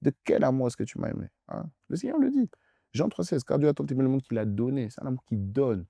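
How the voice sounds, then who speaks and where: A man's voice: mid-range voice, quick pace, creaky, warm tone, no room sound, studio quality. A young man preaching as pastor in a youth question-and-answer session, emphatic and insistent, repeating phrases straight at the listener.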